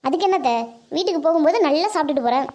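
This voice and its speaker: High, fast, loud village aunt, teasing scolder with a warm heart voiced by a performer. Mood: earnest.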